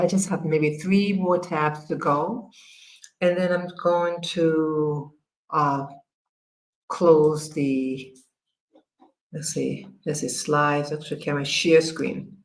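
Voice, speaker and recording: A woman from America hosting a casual livestream, talking haltingly with many fillers and restarts while she works her screen. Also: lowish voice, rough recording. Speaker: livestream host.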